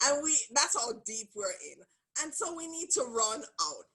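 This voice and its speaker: A woman hosting a group sharing session, telling a funny story in an expressive way and laughing as she goes. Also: sits high, normal speed, breathy edge, rough recording. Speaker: host. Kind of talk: animated storytelling.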